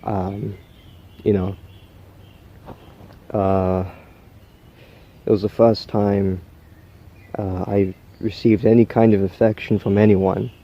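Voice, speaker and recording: Man playing a slow, halting, unhinged killer. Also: fairly low pitch, flat delivery, lo-fi sound. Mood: wistful, halting. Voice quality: trouble pronouncing R's. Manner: halting, rambling, stammering, with odd chuckles. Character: unhinged, socially awkward male killer confessing to camera.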